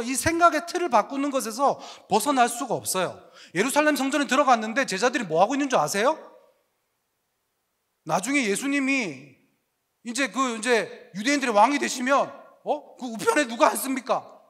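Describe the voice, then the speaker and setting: Lively male preacher, high voice that swings wide, jokey and full of rhetorical questions, talking to young adults. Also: normal speed. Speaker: pastor.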